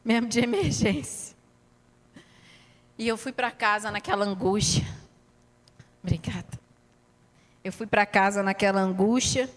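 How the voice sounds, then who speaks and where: Measured and frequently pausing, a woman pastor at medium pitch shares her personal story in an earnest sermon, with many asides to the congregation. The church hall gives her voice a big-room sound.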